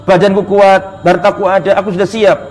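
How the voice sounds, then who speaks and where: A male preacher giving a religious lecture, telling the story in an animated, conversational way and mixing in Arabic recitation. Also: high-pitched, fairly quick.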